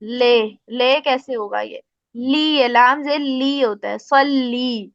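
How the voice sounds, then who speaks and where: High-voiced woman teaching Quran recitation. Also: no room sound. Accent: Pakistani Urdu. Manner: explains patiently, demonstrates recitation slowly. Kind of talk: casual spoken lesson. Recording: dry, slightly muffled recording.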